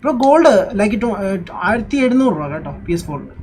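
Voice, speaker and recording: A man's voice: sits high, lively intonation, brisk. A man with a Malayali accent casually commentating on a live game stream, switching between Malayalam and English. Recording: game music behind the voice. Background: game music and vehicle sounds.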